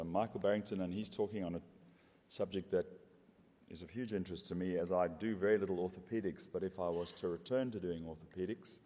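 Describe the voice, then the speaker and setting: A man's voice: deep voice, mellow. A man chairing a conference session, moderating informally in a polite, somewhat hesitant way. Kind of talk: informal moderating and introducing speakers. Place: conference hall without audience microphone. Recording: echoey hall, faint background noise.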